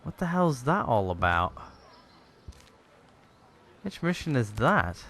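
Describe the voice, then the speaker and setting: A man's voice: mid-range voice, very animated, slow pace, fairly bright tone, a little hiss or hum. A man rambling through let's play commentary with many fillers, hiccuping and a tired voice. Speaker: gaming YouTuber.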